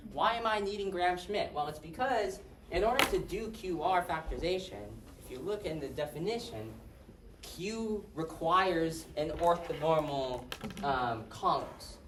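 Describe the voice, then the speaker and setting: A man giving a math lecture, talking casually and asking his class questions. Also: on the high side. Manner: conversational, asks the class questions. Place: lecture hall. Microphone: distant room mic. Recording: roomy, distant, faint hiss.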